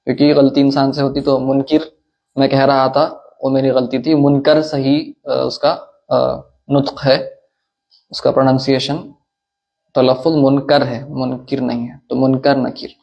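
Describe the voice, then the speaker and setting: A man teaching a religious lesson in a measured, explanatory way, with hesitations and quick Arabic recitation. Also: medium pitch, little pitch movement, vocal fry, muffled recording. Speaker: teacher of Islamic creed and law.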